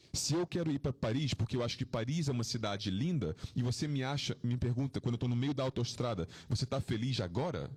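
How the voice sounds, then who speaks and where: A man speaks as a spiritual teacher in an informal talk to his devotees. He is reflective and tells personal stories, asks rhetorical questions, and often lets his voice sink into a soft, low register.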